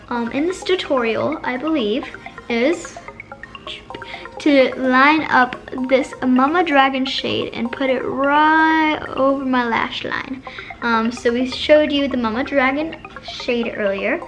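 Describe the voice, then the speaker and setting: A woman's voice: high voice, fairly bright tone. A woman casually talking through a makeup tutorial, chatty, with lots of fillers and self-corrections. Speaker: makeup vlogger. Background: background music.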